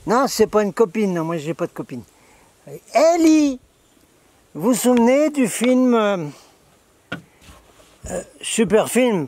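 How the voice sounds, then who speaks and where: A man with a fairly high voice rambles slowly through a casual, sarcastic monologue. He keeps turning aside to chat with whoever holds the camera. The sound is close and dry. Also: no room sound. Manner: chatty, sarcastic, talks to his camera operator. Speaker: video host.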